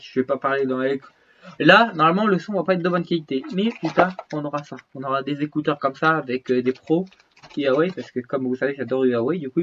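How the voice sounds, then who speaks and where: A man with a higher-pitched voice, heard through dull audio with a little hiss or hum, has a cold and gets short of breath. He's a YouTuber showing off his phones and gear, rambling to viewers in slangy, casual vlog chat full of restarts.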